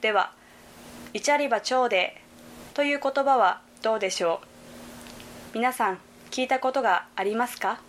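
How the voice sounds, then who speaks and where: Young woman, scripted narration, measured careful delivery, slightly high voice, faint hiss behind. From Hyogo Prefecture, Japan.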